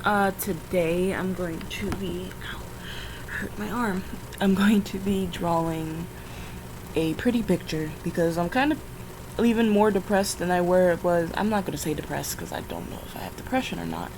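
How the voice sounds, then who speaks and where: Still scratchy from just waking up, the tired young vlogger keeps rambling as she draws, stumbling through fillers and correcting herself. Here her voice is lowish and expressive, at a normal speed.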